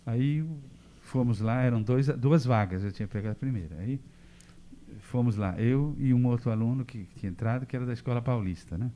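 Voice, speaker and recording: An older man with a Brazilian accent rattles off his memories at a brisk clip. His voice is mellow and dark, and he slips into the voices of the people in his stories as he goes. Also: mid-range voice. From Catanduva, São Paulo state, Brazil. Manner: lively anecdotes, acts out quoted dialogue. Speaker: interview guest, physician. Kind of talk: casual storytelling.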